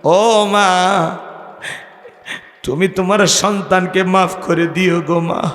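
A man's voice: high-pitched, takes it slowly, fairly bright tone. A man voicing a remorseful grown son who wails and begs forgiveness at his mother's grave in a sermon story. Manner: wailing, begging forgiveness. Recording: echoey hall, long reverb.

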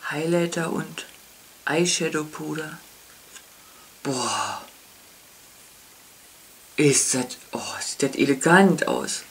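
Beauty vlogger, woman, gushing and breathy whispers, slow and animated. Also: low-pitched, slight background noise. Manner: gushing, lots of oh and whispered asides. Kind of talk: casual unboxing chat.

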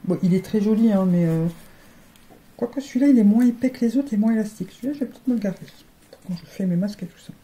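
A woman's voice: medium pitch, quick pace, dark tone. A woman vlogger chatting casually while unboxing, often stumbling and repeating words. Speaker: beauty vlogger. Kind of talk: casual chat unboxing advent calendars.

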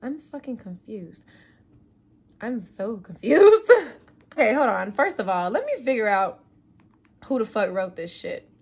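A woman's voice: fairly high pitch, very animated, unhurried, long pauses, darkish tone, breathy edge. A woman reviewing a movie on her channel, exasperated, swearing often and breaking into laughter.

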